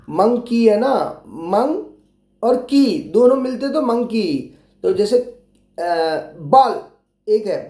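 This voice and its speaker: A man's voice: high-pitched, warm tone. A man teaching young children, patiently spelling out letters and repeating his prompts. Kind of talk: explaining a workbook lesson to young children. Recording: roomy echo.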